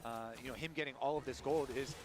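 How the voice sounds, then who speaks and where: A man's voice: mid-range voice, fairly even intonation, fast talker. A man commentating an esports final, building hype and asking dramatic questions. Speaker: esports caster. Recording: broadcast feed with crowd noise. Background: arena crowd.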